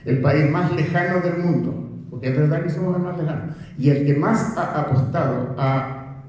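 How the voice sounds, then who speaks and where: An older man with a Chilean accent gives a lively talk at a book presentation. His voice is slightly high but warm and mellow. It rings out through a very echoey room. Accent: Chilean Spanish. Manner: animated and conversational, with rhetorical questions and many restarts. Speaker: professor speaking at a book presentation. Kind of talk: public talk to an audience.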